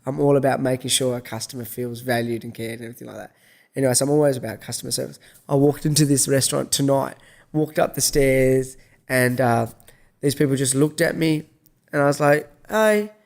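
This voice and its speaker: This middle-aged vlogger from Australia spins a casual, rambling story full of restarts and swearing, acting out the dialogue as he goes. His gravelly mid-range voice is delivered flatly and fairly quickly.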